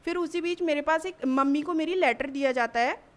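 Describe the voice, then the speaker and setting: A young woman, a college student, gives a halting personal account in a news interview, often restarting her sentences. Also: high-pitched. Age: young adult. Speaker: college student giving testimony.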